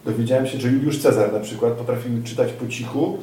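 A man's voice: mid-range voice, fast talker, warm tone, reverberant, distant mic, a little hiss or hum. A man interviewing a guest, curious and asking follow-up questions that sum up the answers.

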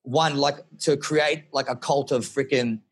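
Excitable Australian man, husky voice. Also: medium pitch, measured pace. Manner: excitable, swears, animated storytelling. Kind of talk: casual podcast conversation.

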